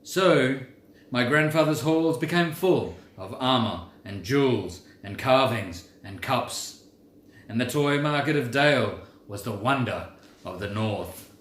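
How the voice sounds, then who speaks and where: A man voicing Thorin, a proud old dwarf king, in a deep voice with a slow storytelling cadence. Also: expressive, a bit bright. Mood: solemn. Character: proud old dwarf king recounting his people's loss. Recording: roomy with faint background noise.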